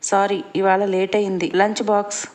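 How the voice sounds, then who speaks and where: A caring working mother with a gentle, reassuring way of speaking, read out by a woman narrator. She talks kindly and steadily in an everyday voice, with a voice of middling pitch for a woman. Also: flat delivery, normal speed, natural voice.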